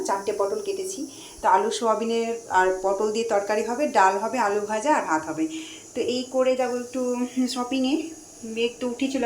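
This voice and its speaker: A middle-aged woman, chatting casually to her phone camera as she cooks at home. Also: a little high. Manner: chatty, running commentary while cooking. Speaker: vlogger, mother cooking at home. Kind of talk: casual home cooking vlog. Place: home kitchen, indoors. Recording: echoey kitchen with faint frying noise.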